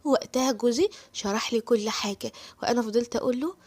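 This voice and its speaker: A woman's voice: on the high side, fast talker, darkish tone. A woman with an Egyptian accent narrating her own story in the first person, in a plain, confiding way. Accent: Egyptian Arabic.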